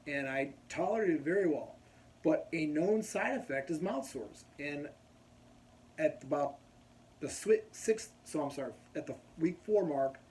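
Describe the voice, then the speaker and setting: A man's voice: a little high, a little mellow. Rambling man telling a story. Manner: rambling, goes off on tangents. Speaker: vlogger. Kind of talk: casual storytelling to camera.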